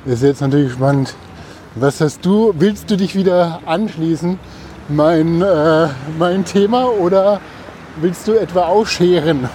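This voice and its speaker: Man, podcast co-host, slightly higher mellow voice, chatting on foot with faint street noise behind. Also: a little slow. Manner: talking while walking outdoors. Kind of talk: casual podcast chat. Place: outdoors on a city street. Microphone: wireless transmitter mic. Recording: clear urban street noise.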